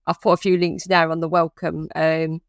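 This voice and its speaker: A woman's voice: sits low, little pitch movement, normal speed, dry recording, muffled recording. A woman who is a parent, speaking as a podcast guest in an easygoing, conversational way with fillers. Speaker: podcast guest, parent running a family cruise group. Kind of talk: casual podcast chat.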